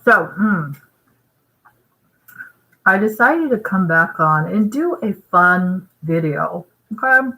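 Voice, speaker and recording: A woman's voice: fairly low pitch, expressive, slow, pauses often, sharp tone, poor audio. A woman from Vietnam talking casually to her vlog audience, rambling and emphatic, tagging her points with "right?" and eating while she talks. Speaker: vlogger.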